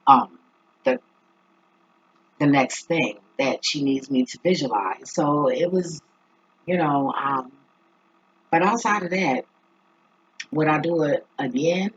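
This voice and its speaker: Husky, slow-talking vlogger with muffled sound. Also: medium pitch, animated. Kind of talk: casual reflective talk to viewers. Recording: dull lo-fi recording.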